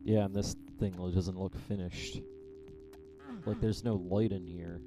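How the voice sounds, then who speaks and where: A man playing through a game on stream, giving low-key, muttered reactions and comments. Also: fairly even intonation, measured pace, poor audio. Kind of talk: casual gameplay commentary. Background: game music.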